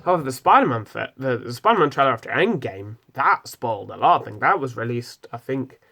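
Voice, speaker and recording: A man's voice: mid-range voice, animated, fairly quick, creaky, bright, forceful tone. A young British man with a British accent, giving a rambling, casual film review full of ums and restarts. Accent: British English. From Britain. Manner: rambling, many ums and self-corrections.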